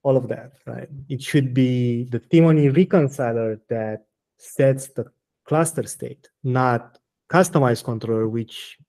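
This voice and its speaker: A man's voice: medium pitch, measured pace, gravelly, mellow. Hesitant man answering technical questions. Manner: hesitant, many restarts and fillers, blunt answers. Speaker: guest software maintainer. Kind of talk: technical interview.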